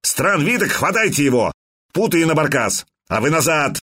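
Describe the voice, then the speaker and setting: A man voicing a brutal bald soldier who barks rough, threatening commands. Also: fairly high pitch, very animated, normal speed, bright, forceful tone, pitched above the performer's own voice, full character voice.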